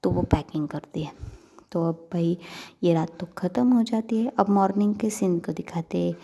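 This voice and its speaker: A woman's voice: on the low side, normal speed, gravelly, warm tone, husky. A young woman narrating a story casually, chatty with many fillers, talking to her listeners.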